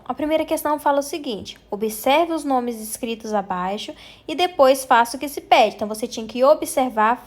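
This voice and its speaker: A high-pitched Brazilian woman explains a primary school lesson step by step. She talks with patience and stretches out example words syllable by syllable so that young children can follow along. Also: a little mellow. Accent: Brazilian Portuguese.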